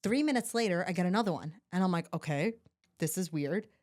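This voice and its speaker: Young woman telling an animated story. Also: fairly low pitch, fairly quick. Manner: animated, swears freely, acts out quotes. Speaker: podcast guest, new mother. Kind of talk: casual chat, storytelling.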